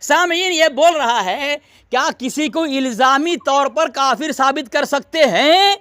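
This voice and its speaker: Very high, sharp-toned commanding man. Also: unhurried, dry recording, studio quality. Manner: commanding, demands silence, mocking. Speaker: debater. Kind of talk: heated religious debate addressing listeners.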